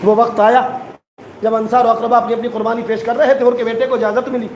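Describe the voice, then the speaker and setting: A man delivers a mourning sermon in a strikingly high voice, half chanting and half sobbing as he rises to wails. The sound is roomy and echoing, with a faint hiss of noise behind it. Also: little pitch movement. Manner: emotional recitation with sobbing, rising to wails. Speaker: preacher at a mourning gathering. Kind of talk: chanted Muharram elegy sermon. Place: mourning gathering hall. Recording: echoey hall with faint noise.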